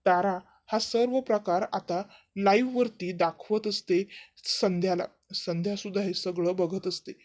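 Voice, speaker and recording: A woman retelling a TV serial episode as a brisk running narration. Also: medium pitch, steady tone, a little mellow.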